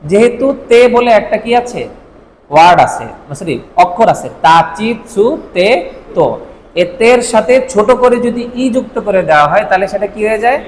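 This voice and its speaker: A male language teacher from Bangladesh running a vocabulary drill, asking questions and repeating words slowly for learners. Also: sits high, long reverb tail, slight background noise, rough recording.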